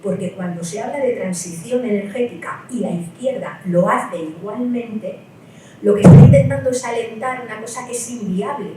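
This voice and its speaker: A woman from Spain gives a public lecture at a political meeting, explaining her points step by step and often checking in with the audience through short rhetorical tags. Her voice is warm and medium-pitched, and the recording has a distant mic in an echoey hall with a little hiss or hum.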